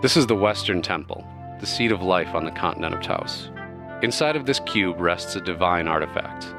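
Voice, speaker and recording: A man's voice: sits low, animated, normal speed, music in the background. A man voicing a serene goddess figure. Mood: solemn. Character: serene divine female patron spirit.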